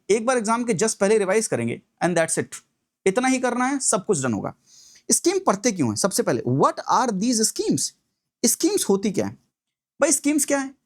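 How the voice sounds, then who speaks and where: A man teaching an exam-prep lesson who switches between Hindi and English. He asks questions and answers them himself, and slows down to read quoted question text. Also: high-pitched. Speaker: exam coach.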